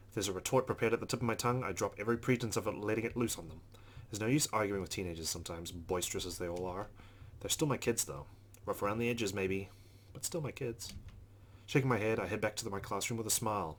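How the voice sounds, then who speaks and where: Hosting a let's play, a man reads visual novel narration aloud and throws in casual commentary of his own. He speaks fast in a fairly low voice, with game music playing behind him and slight background noise.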